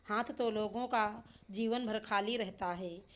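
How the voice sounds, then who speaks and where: A woman narrating a family moral story in an even, plain storytelling manner. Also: mid-range voice, unhurried.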